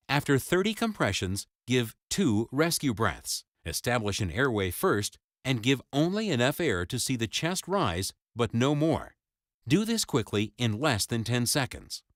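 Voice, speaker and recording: A man's voice: mid-range voice, no room sound, studio quality. A man reading scripted instructional narration for a first-aid training video, in an emphatic, imperative way. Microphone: close, dry voice-over.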